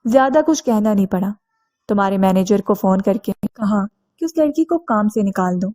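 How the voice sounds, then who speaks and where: A woman's voice: mid-range voice, mellow, lightly acted. A woman reading as a blunt, self-assured young rich man. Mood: calm, assured.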